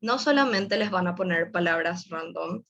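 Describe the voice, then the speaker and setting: Young woman, casual webinar talk, vocal fry, muffled call audio. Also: fairly low pitch, expressive, normal speed, fairly bright tone. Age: young adult. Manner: explanatory, casual, addresses the audience directly. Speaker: webinar presenter. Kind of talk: online webinar presentation.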